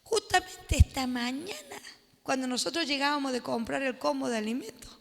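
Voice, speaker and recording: Very high-voiced woman pastor preaching. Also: normal speed, gravelly, in a large hall. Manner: animated, laughs often, acts out quotes. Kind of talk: Bible study sermon.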